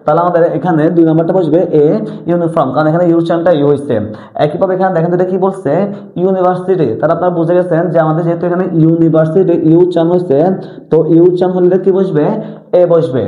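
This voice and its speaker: A man teaching an English grammar lesson, repeatedly asking and answering his own questions. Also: on the high side. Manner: repetitive question-and-answer drilling. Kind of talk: classroom-style lesson explanation. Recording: tinny lo-fi audio in an echoey room.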